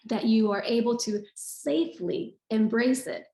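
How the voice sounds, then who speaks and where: A woman's voice: on the high side, a little slow, warm tone, echoey room, low-quality recording. A woman giving an earnest online talk on yoga, repeating phrases for emphasis like a teacher. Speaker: yoga speaker. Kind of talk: online talk with screen share.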